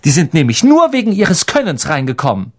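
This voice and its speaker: A man voicing a clever, sharp-tongued schoolgirl with a cutting delivery. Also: on the high side, huge pitch swings, brisk, pitched above the performer's own voice.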